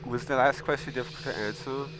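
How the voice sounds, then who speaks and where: A man hosting a casual gaming video, reading questions aloud and answering them bluntly, with frequent swearing and loud exasperated outbursts. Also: medium pitch, fairly even intonation, quick pace, a little hiss or hum. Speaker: gaming channel host. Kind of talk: casual game commentary.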